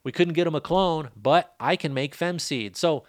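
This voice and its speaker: A man's voice: a little high, moderate pace, dry recording. Laid-back middle-aged man hosting a podcast, chatty and rambling, on a dry close mic. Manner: rambling, loose, joking asides. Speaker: podcast host, cannabis grower. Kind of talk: casual rambling chat.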